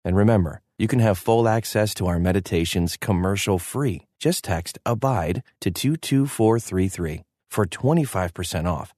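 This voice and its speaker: A man with a low voice reads a scripted introduction for a podcast. The recording is dry and close, and he delivers the sponsor message as a host would. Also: moderate pace, few pauses, darkish tone, no echo.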